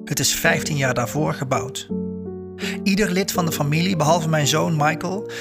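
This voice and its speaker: A man reading a story aloud and voicing a sharp, proud old woman who owns a house, curt and shrill when angered. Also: normal speed, creaky, over loud music. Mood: reminiscing.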